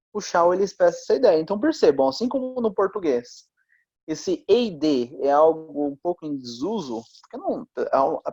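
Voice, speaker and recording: A man's voice: high voice, darkish tone, dry recording. A man teaching an English lesson, explaining grammar in a chatty way and often checking in with his students. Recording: dull lo-fi recording.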